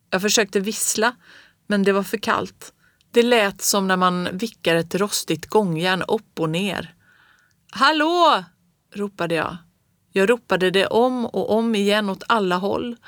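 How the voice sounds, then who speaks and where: A woman reading a children's story aloud in the first person with calm, measured storytelling. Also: medium pitch, no echo, studio quality. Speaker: audiobook reader.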